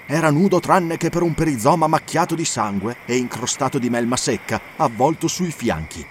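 A man's voice: medium pitch, a little hiss or hum. Man narrating an audiobook steadily. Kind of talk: scripted narration.

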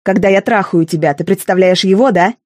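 Jealous angry young guy, woman reading him, harsh and accusing, mellow dry voice. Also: medium pitch, a little fast, dry recording, close to an everyday voice.

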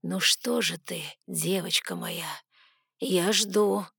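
Woman reading a slow coaxing father. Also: lowish voice, fairly even intonation, vocal fry, fairly bright tone, breathy edge, no room sound, clean studio sound, full character voice. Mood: cold. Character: father, calm then cold and cruel.

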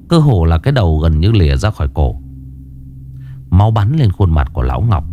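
Lively deep-voiced male horror narrator. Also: no room sound, clean studio sound. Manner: dramatic, lively telling. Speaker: storyteller.

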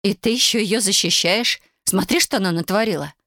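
A woman's voice: mid-range voice, brisk, pushed and bright, no room sound, clean studio sound. A woman reading an audiobook, voicing a tearful older sister who pleads in a trembling voice. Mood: pleading.

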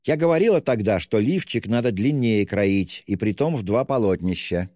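A man voicing a frantic, desperate impoverished widow with shrill, haughty outbursts in an audiobook. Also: lively intonation, moderate pace, dark tone, no room sound, studio quality, long reverb tail, lightly acted. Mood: scolding. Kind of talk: audiobook character voice.

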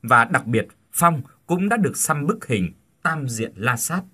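A man's voice: mid-range voice, very animated, unhurried, pushed and bright, slightly rough. A man, host of a story channel, formally and politely introducing a tale.

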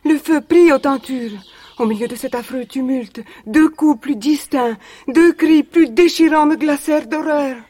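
An actress in a 1980s radio drama playing a young woman who was once a captive, telling her story in a measured, solemn way. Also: medium pitch, darkish tone, slightly rough, no echo. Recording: vintage radio recording.

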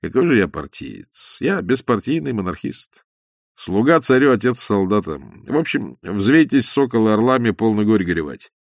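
A man's voice: lowish voice, big pitch swings, normal speed, creaky, no room sound, studio quality. A man voicing a cheerful young con man who talks in an easygoing, sly, good-natured way. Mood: genial.

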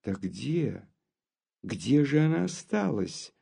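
A man voicing a flustered nobleman who talks in a breathless, hurried way, as in a storybook reading. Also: mid-range voice, very animated, vocal fry, mellow, breathy edge, heavily acted. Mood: urgent.

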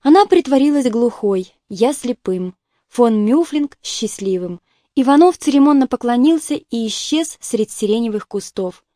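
A woman narrates a literary novel with measured, even storytelling. Her voice is warm and mellow yet pitched fairly high, recorded dry and close with no room sound. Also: no echo. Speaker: audiobook narrator.

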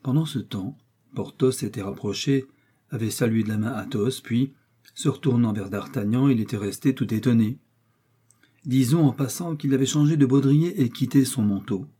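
A man narrating a classic novel in a low, steady reading voice. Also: normal speed, breathy edge. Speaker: audiobook narrator. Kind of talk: scripted narration.

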